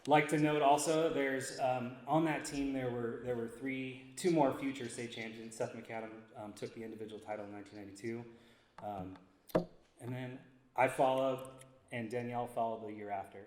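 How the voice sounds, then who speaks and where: A man giving an acceptance speech on behalf of a group, speaking haltingly with many drawn-out ums. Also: mid-range voice, fairly even intonation. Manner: halting, frequent long ums. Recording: echoey hall, faint noise.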